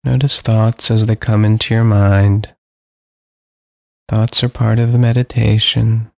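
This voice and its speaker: A man guiding a sleep meditation, speaking slowly and soothingly with long pauses. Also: fairly low pitch, flat delivery, vocal fry, darkish tone, dry recording, studio quality. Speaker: meditation guide.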